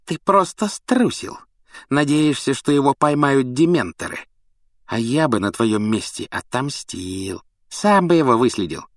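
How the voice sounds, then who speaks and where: A man's voice: medium pitch, animated, a little slow, a bit bright, no room sound, clean studio sound, pitched above the performer's own voice. A man voicing an arrogant teenage schoolboy with a sly, jeering manner in an audiobook. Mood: taunting.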